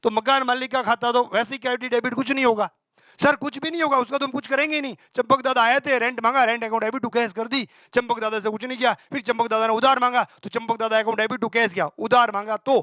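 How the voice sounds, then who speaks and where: Guy teaching accounting mcqs, really high bright voice, dry close sound, quizzes himself out loud. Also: flat delivery, no room sound. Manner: quizzes himself aloud, answering in a student's voice; brisk and colloquial, with homely examples. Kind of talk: exam-prep accounting class.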